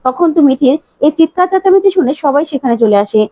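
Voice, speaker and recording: A woman retelling the episodes of a TV serial in a casual, animated way and voicing the characters' lines herself. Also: sits high, fast talker, no echo, lo-fi sound. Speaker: storyteller recapping a TV serial. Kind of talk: casual retelling with acted quotes.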